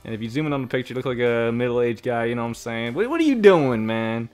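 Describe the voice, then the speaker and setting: A man's voice: medium pitch, expressive, fast, a little mellow, soft background music. A young man reading comments aloud and ranting about them in casual commentary, exasperated and lecturing, often repeating himself.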